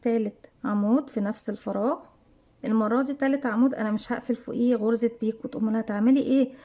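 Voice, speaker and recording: A woman with an Egyptian Arabic accent leads a crochet lesson, talking quickly in a somewhat high voice. She counts each stitch aloud and poses questions to herself before answering them, in the steady manner of a tutorial. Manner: talks herself through steps, counts stitches aloud, asks and answers her own questions. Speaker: crochet teacher. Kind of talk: step-by-step tutorial narration.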